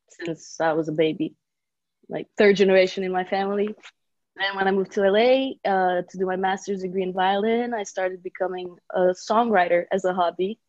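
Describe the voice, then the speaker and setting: A woman's voice: mid-range voice, darkish tone, no room sound, highs cut off. A young woman who grew up in Brazil, a singer-songwriter guest chatting casually on a podcast and laughing often. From Bulgaria, raised in Brazil.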